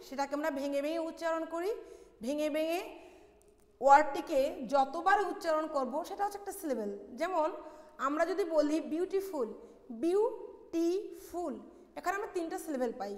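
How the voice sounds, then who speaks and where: A woman from Bangladesh teaching a college lesson on pronunciation, explaining step by step and answering her own questions. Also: sits high. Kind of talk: classroom lecture on pronunciation. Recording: echoey hall with long reverb.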